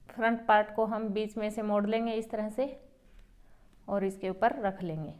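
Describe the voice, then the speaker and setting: Woman, boutique owner, step-by-step sewing lesson, calm and explanatory, mid pitch. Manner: calm, explains each step while working. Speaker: boutique owner teaching tailoring.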